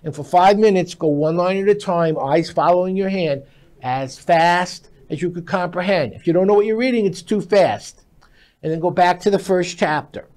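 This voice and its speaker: A speed reading teacher in his sixties joins a studio interview as a guest expert, his high and slightly mellow voice at normal speed. He makes emphatic, instructive points in brief declarative sentences. A lapel mic picks him up at a glass desk on a TV-style set.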